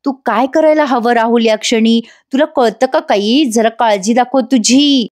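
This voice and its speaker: A woman's voice: a little high, normal speed, darkish tone, close to an everyday voice. A woman voicing a scheming mother who scolds her son sharply in a TV serial recap. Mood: scolding.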